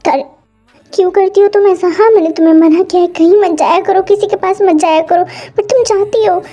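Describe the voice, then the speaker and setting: A jealous, possessive young husband, as a woman puts him on for a fan-fiction story, stammering between orders and pleas. The voice sits very high even when pushed lower, and its tone is dark and mellow. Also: brisk. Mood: angry, possessive. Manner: stammering, pleading and commanding. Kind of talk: Hindi fan-fiction voice acting.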